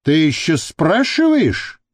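Man doing a calm wry hostage talking sense, lively pitch. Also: slow, no room sound, studio quality, heavily acted. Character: wry calm male captive, reasoning.

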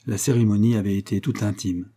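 Male narrator, audiobook reading, measured and even, low pitch, dark husky tone. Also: slight background noise.

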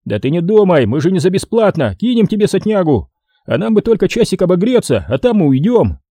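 A man voicing a cocky, coarse male adventurer who talks loudly and mockingly. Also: sits high, sing-song, brisk, no echo, clean studio sound, pitched above the performer's own voice, full character voice. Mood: brash. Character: brash rough-talking male adventurer, cocky.

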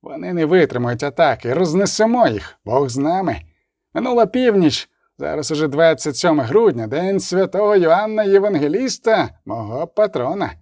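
Expressive man reading a war novel. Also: fairly high pitch, dry recording, clean studio sound. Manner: expressive, voices the characters' lines with rising intensity. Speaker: audiobook narrator. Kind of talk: dramatic audiobook reading.

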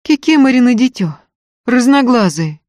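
A tearful young peasant woman, as a woman reader puts her on, pitched high above the narration and plaintive in her folksy village talk. Her lines swing up and down with feeling, and the dry, close recording keeps every catch in her voice near. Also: big pitch swings, normal speed, a little mellow, dry recording. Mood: sad, pleading.

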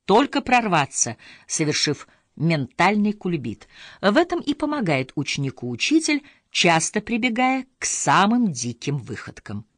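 A woman narrating an audiobook of literary essays in a measured, expressive reading. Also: mid-range voice, dry recording, clean studio sound.

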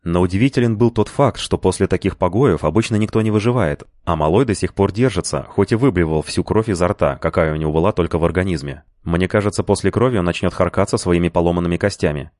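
A man narrating a first-person story in a steady, even storytelling manner. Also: sits low, fast, hardly any pauses, dry recording, clean studio sound. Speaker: audiobook narrator.

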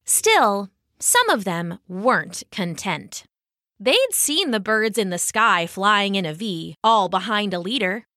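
Animated woman reading a storybook. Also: mid-range voice, takes it slowly, no room sound, studio quality.

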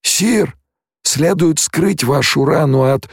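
A man straining high as an anguished desert warrior chief. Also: takes it slowly, creaky, husky, no echo, clean studio sound, heavily acted. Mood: urgent.

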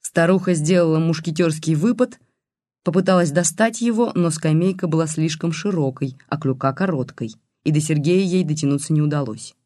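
An audiobook narrator reading a novel in a lively scripted narration. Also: mid-range voice, fairly quick, no room sound, studio quality.

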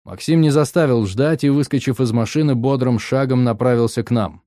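A man narrating an audiobook in the first person, matter-of-fact and even. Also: medium pitch, brisk, no room sound, studio quality.

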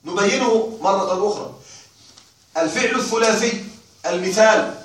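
A male teacher giving a classroom grammar lecture, repeating and drilling examples slowly and quizzing his students. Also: high-pitched, a bit bright. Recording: very echoey room, mic far off.

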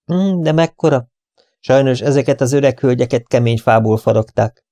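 A man's voice: mid-range voice, dark tone, no room sound, close to an everyday voice. A man playing a breezy, flippant young man. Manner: light, offhand.

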